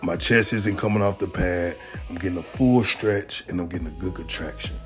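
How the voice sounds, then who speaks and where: A man narrating his own workout footage as a casual instructional voice-over, talking in a relaxed, conversational way and often adding "you know what I mean". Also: deep voice, normal speed, soft background music.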